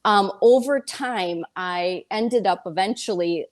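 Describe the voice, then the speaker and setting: A candid woman in her fifties, a real estate broker and speaker, chats as an interview guest in a medium-pitched voice at a slow pace. She tells stories animatedly and colloquially, quoting herself and others.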